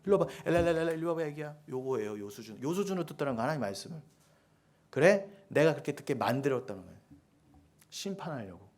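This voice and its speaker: A man preaching a sermon as pastor, with forceful rhetorical questions and sudden hushed asides. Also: fairly high pitch.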